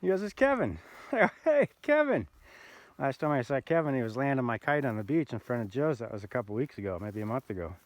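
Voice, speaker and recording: An older man telling a rambling, easygoing story outdoors on a remote mountain road, with many pauses and "uh"s. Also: medium pitch, no room sound. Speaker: bikepacker vlogger. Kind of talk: casual outdoor vlog narration.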